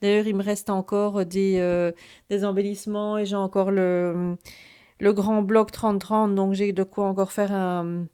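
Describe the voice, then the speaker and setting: A woman's voice: mid-range voice, level tone, measured pace, dark tone, clear, resonant tone. A woman hosting a casual craft presentation with a noticeable accent. She talks hesitantly, with many fillers and restarts. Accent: noticeable French accent. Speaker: craft video host.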